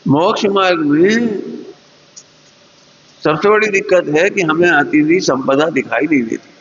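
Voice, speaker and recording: A man's voice: on the high side, unhurried, fairly bright tone. Hindi-speaking male preacher in a reverberant hall. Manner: earnest teaching tone with rhetorical questions. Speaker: Jain preacher. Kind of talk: sermon. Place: lecture hall. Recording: dull recording in a reverberant hall.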